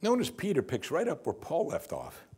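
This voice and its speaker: An older man, a pastor, preaching a sermon from the pulpit of a church in a lively, conversational and wry way, on a lapel mic. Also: on the high side, moderate pace, slightly rough.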